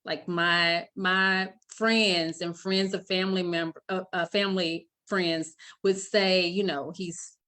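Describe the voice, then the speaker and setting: A middle-aged woman, an author answering interview questions in an earnest, warm way, often laughing lightly. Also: fairly low pitch, steady tone, slow, few pauses. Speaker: children's book author.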